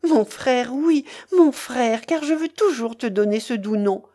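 A woman's voice: fairly high pitch, animated, unhurried, warm tone, voice pushed up. A woman voicing a young heroine, tender and emotional, speaking in a raised, pleading way.

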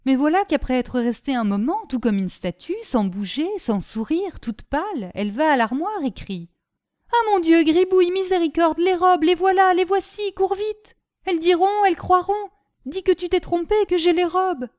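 A woman reads aloud as Gribouille, an earnest, simple-minded young peasant boy who tells his tale eagerly, naive and breathless. Her slightly high, slightly mellow voice is very animated, moving at a normal speed with hardly any pauses.

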